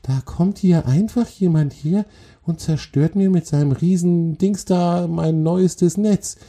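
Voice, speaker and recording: A man's voice: on the high side, slow, dark tone, voice pushed up. A man voicing a tiny, cross female forest spider who scolds and grumbles impatiently, in a spoken children's story. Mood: indignant scolding.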